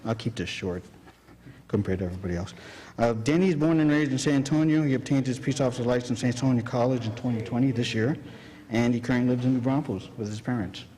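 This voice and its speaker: Police lieutenant with a dark mellow tone. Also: male voice, mid-range voice, fast. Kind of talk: formal introduction at a council meeting. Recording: reverberant council chamber, audience present.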